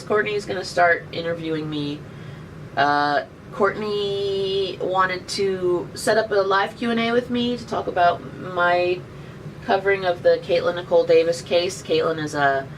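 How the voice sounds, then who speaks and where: Speaking at a normal speed in a mid-range, slightly bright voice, this thirty-something woman jokes her way through viewer questions during a casual live stream. A webcam mic some distance away catches her by an indoor window, along with faint background noise.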